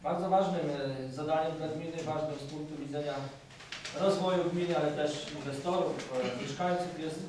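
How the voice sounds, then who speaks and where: Halting official in an echoey hall. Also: male voice, a little high, fairly even intonation. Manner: halting, with many filler sounds. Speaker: municipal official presenting the budget. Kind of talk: formal council speech. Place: council meeting hall. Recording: echoey hall recorded from a distance, background noise.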